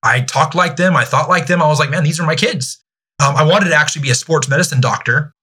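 A man in his thirties, a youth ministry director, speaking candidly as a podcast guest, pausing and restarting often. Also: a little high, sharp tone, husky. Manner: halting, many restarts and fillers.

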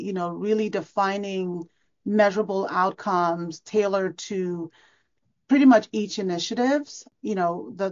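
A woman's voice: fairly low pitch, dull audio. A woman from Cameroon, a foundation leader speaking earnestly in an interview, with fillers and restarts.

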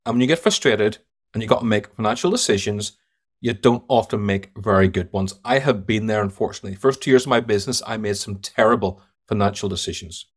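On a podcast interview, this Irish-accented sales trainer is the guest, telling emphatic stories and delivering blunt verdicts. He talks fast in a lowish, slightly rough voice.

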